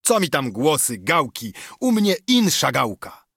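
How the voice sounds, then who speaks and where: A man's voice: on the high side, huge pitch swings, a little slow, creaky, breathy edge, no echo, clean studio sound, exaggerated voice. A man voicing a boastful male nobleman eager to fight, in an audiobook reading of an epic poem. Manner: shouting, boastful.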